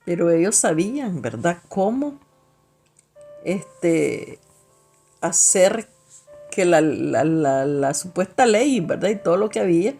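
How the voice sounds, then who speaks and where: Slow, emphatic woman preacher. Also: on the low side, sing-song, vocal fry, mellow, slightly rough, soft background music. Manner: slow, emphatic reading with frequent restarts and rhetorical questions. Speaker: lay preacher. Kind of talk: bible reading and reflection.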